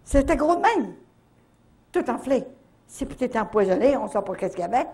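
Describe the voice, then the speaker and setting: An older woman with a Canadian French accent telling a faith testimony at a retreat, in a lively storytelling manner full of little verbal tags. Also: on the high side, fairly quick, slightly rough. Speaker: retreat speaker.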